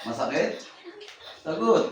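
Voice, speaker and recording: A man's voice: high-pitched, big pitch swings, takes it slowly, a crowd in the background. A man working as a faith healer, commanding and repeating short questions and chanting incantations during a rite. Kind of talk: interrogating a spirit during a healing rite. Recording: echoey, distant, noisy room recording.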